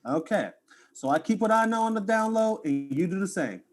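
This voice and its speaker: A man's voice: high voice, expressive, brisk. An actor playing a laid-back young male video streamer in a student audio drama, talking in casual slang.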